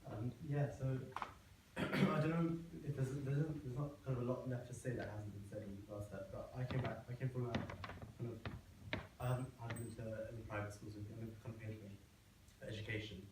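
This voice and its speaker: A man's voice: medium pitch, fast talker. A young man student speaking hesitantly to visiting schoolchildren, filling with 'kind of'. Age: young adult. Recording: echoey room, voice from a distance, background noise.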